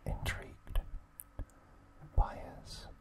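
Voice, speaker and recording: An ASMR host, a man, whispers his way through a trivia recap, the speech unvoiced and airy and delivered in brief, careful phrases.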